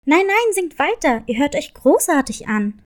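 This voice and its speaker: A woman's voice: high voice, big pitch swings, moderate pace. A woman voicing a strong, proud grown male cat who is a loving father, in a children's story. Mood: fatherly. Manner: warm, confident, boastful. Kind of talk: storybook reading.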